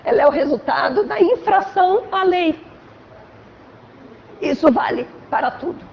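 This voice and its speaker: High-voiced Brazilian woman lecturing. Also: lively intonation, measured pace, creaky, dull audio, slight background noise. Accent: Brazilian Portuguese. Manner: conversational, frequent "né?" tags, acts out examples. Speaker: lecturer at a Spiritist center. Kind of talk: spiritual lecture. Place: assembly hall of a spiritual center.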